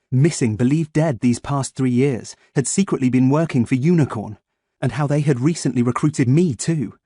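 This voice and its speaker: Man, audiobook narrator, first-person storytelling, measured, mid pitch, dry close mic. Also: a little mellow, no echo.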